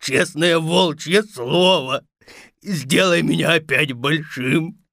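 A gravelly, bragging fairy-tale wolf. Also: male voice, on the high side, lively intonation, a little slow, bright, forceful tone, no room sound, clean studio sound, heavily acted. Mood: grumbling. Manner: growling, menacing, mocking. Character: greedy boastful male wolf from a fairy tale. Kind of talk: audio fairy tale acting.

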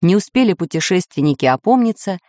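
A woman narrating a children's audiobook in an expressive storytelling voice. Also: lowish voice, fast talker, no echo, clean studio sound.

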